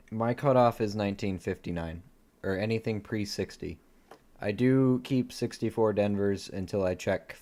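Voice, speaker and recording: A man hosting a live coin-hunting stream, quietly reading off dates and chatting easily between finds. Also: on the low side. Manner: easygoing, laughs at his own dad jokes. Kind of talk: casual live-stream commentary.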